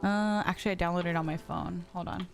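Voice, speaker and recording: A woman's voice: on the low side, fairly even intonation, fast talker, gravelly. A woman in her late twenties live-streaming a game, chatting casually with her viewers, answering chat and laughing easily. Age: late 20s. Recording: music playing under the voice. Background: background music.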